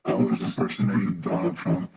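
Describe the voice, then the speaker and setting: A man chatting casually and rambling, his voice run through a demonic voice changer and heard over a muffled, lo-fi line. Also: mellow. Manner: rambling, quick, loose filler words. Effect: deep demonic voice changer. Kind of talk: casual chat. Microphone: headset mic played through speakers. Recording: muffled lo-fi line with faint noise.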